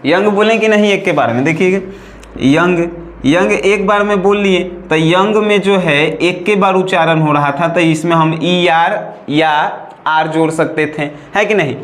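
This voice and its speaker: A man's voice: high voice, a little slow, fairly bright tone, echoey room. A man with a Bhojpuri accent teaching English grammar, repeating points and checking that students follow. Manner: repetitive, checks in with "right or not?". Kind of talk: classroom-style lesson.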